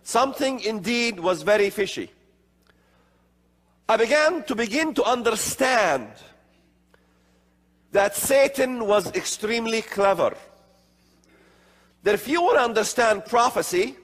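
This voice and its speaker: A middle-aged man from the Middle East giving a slow, emphatic lecture at a prophecy conference in a large hall with an audience. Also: high-pitched, expressive, a bit bright. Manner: slow emphatic delivery with gestures. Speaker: conference speaker. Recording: long hall reverb.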